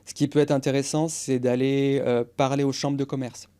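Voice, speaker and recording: A man's voice: medium pitch, little pitch movement, moderate pace, warm tone, clear, resonant tone. A man in his forties, a guest on a podcast interview, explaining go-to-market strategy with energy and English business jargon.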